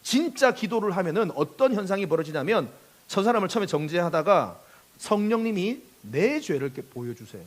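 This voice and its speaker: A man's voice: high voice, sing-song, fairly quick. A man preaching a sermon as pastor, impassioned, acting out quoted speech and leading the congregation in call-and-response.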